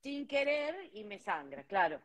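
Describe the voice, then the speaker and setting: A woman with an Argentine Spanish accent co-hosting a casual live stream, chiming in with quick interjections and crude comparisons. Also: medium pitch, sing-song, crowd noise. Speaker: podcast co-host. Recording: noisy live stream audio.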